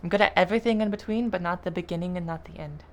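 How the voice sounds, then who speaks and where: A woman explaining a guitar piece in a casual tutorial, relaxed and self-deprecating, trailing off with fillers. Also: fairly low pitch, very fast. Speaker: guitar teacher. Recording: guitar playing loudly behind. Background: acoustic guitar.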